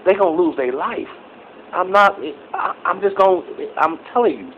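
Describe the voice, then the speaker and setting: Middle-aged guy cussing and rambling into his phone, loud then muttering, bit muffled, faint hiss behind. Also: animated, moderate pace. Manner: profane, rambling, swings between loud outbursts and low mutters. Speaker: vlogger. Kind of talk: casual angry rant to camera. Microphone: phone camera. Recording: slightly dull phone recording.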